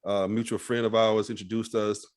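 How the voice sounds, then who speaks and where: A man's voice: fairly low pitch, little pitch movement, fairly quick. A man hosting a podcast interview, laid-back and casual, often tagging "all right?" and swearing freely. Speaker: podcast host.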